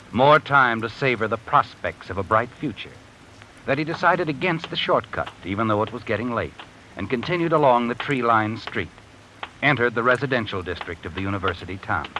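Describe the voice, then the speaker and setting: The Whistler, ominous night narrator. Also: male voice, medium pitch, animated, moderate pace, sharp tone, a little hiss or hum, rough recording. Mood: brooding. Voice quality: ominous, knowing, theatrical. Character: mysterious male night-walking narrator spirit. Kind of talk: 1950s radio drama narration. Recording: old radio broadcast with music.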